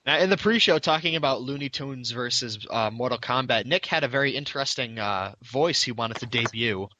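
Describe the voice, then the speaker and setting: Bright-voiced man hosting a gaming podcast. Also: mid-range voice, brisk, dull audio, slight background noise. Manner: upbeat, loose, many restarts. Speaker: podcast host. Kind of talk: casual chat.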